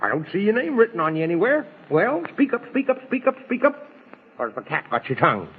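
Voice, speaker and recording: Fussy, whimsical old moon man, muddled and stammering, animated and rough-voiced, for vintage children's radio with tinny sound. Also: high-pitched, fast, exaggerated voice. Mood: fussy scolding. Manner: stammering, repetitive, muddled, comically scolding. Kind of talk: old-time children's radio fantasy acting.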